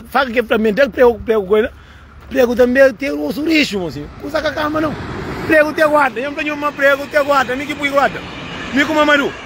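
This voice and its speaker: A man's voice: extremely high pitch, slight background noise. A man with a Cape Verdean accent, speaking in an emphatic, repetitive casual monologue to the camera and often calling the listener "moço". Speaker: channel host.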